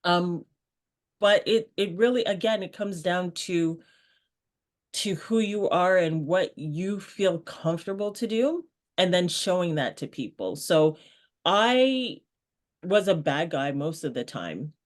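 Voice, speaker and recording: Animated woman chatting as interview guest. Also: fairly low pitch, takes it slowly. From Canada. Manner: animated, laughs often, acts out quoted voices. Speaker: guest, brand strategist. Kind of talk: casual interview chat.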